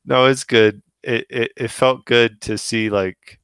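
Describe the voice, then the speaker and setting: A man in his thirties on a gaming podcast, talking casually with frequent pauses, restarts and fillers. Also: mid-range voice, clean tone, dry recording. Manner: hesitant, many restarts and fillers, relaxed. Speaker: podcast co-host.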